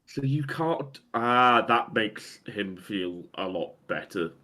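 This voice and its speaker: A man's voice: fairly low pitch, animated, slow, pushed and bright. A man co-hosting a casual tabletop game talk, trading dry, sarcastic remarks. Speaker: podcast co-host.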